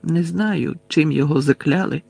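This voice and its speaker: Dreamy slow-talking teen witch girl, man doing her, a bit higher, storybook read. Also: fairly even intonation, dark tone, husky, no room sound. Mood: dreamy calm.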